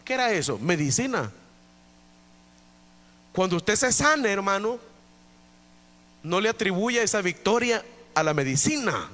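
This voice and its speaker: Male pastor, high and bright voice, emphatic repetitive preaching in an echoing church. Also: sing-song, a little slow, long pauses. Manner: emphatic preaching with many repetitions, often addressing listeners as brother. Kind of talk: evangelical sermon. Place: church during an evening service.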